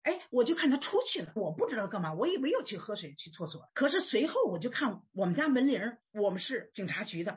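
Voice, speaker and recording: A middle-aged woman from China giving a personal faith testimony as a church member, telling her story with lively storytelling and acting out the voices in dialogue. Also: mid-range voice, quick pace, few pauses. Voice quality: husky. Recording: dull lo-fi recording.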